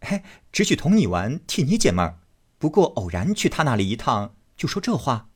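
A man's voice: medium pitch, huge pitch swings, fairly quick, darkish tone, slightly rough, pitched above the performer's own voice. A man voicing a coaxing, teasing young nobleman in a storybook reading, pleading and placating.

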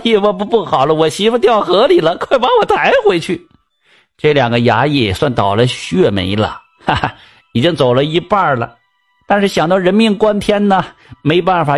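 Male storyteller, Northeastern Mandarin accent, folksy chatty folk-tale telling, slightly high voice. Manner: chatty, folksy asides to the listener.

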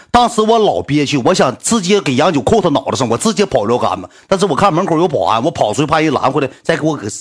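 A man's voice: on the high side, a bit bright, slightly rough. A man telling a story in casual, blunt speech, swearing often and filling it with sound words.

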